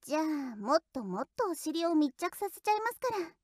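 A woman's voice: very high-pitched, very animated, fairly quick, no echo. Woman voicing a teasing young shrine maiden. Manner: polite, sing-song teasing. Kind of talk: audio role-play drama.

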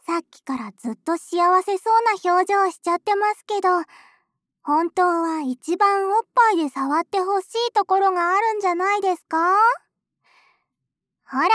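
A woman's voice: very high voice, fairly bright tone, no echo, clean studio sound. A woman voicing a playful, teasing young woman in an audio role-play, coaxing the listener in polite speech.

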